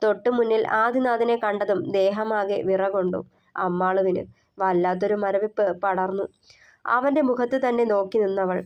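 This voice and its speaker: A woman author narrating her own novel in a steady storytelling voice. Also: mid-range voice, normal speed, clean tone, dull audio.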